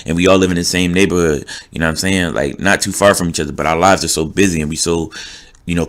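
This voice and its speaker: A man's voice: deep voice, slight background noise. A young man with a New Jersey accent, hosting a podcast and ranting casually in a streetwise, rambling way. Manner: animated, streetwise, rambling with many fillers. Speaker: podcast host. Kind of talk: casual rant.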